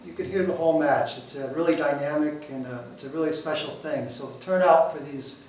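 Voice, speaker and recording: A man with a somewhat high voice casually endorses local wrestling in an interview. He speaks haltingly, pausing on ums. The room echoes heavily and he sounds distant from the microphone. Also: a little mellow, slight background noise. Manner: halting, hesitant delivery with many ums.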